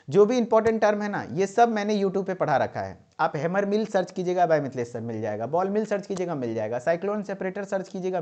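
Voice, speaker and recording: A man's voice: high voice, darkish tone, muffled recording. Emphatic man teaching pharmacy. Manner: repetitive, emphatic, checks in with "ठीक है". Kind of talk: exam-tips lecture.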